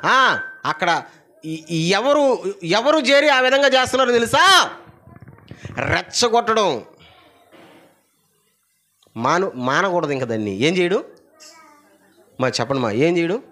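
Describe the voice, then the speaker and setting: A man with a high-pitched voice preaches with animated energy at a church service. He leads his listeners in call-and-response, pressing them to say the verse louder. His delivery swings from forceful cries to quiet asides. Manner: animated preaching, prompts the congregation to repeat verses aloud; swings between loud emphatic lines and low asides. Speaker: pastor. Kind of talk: sermon.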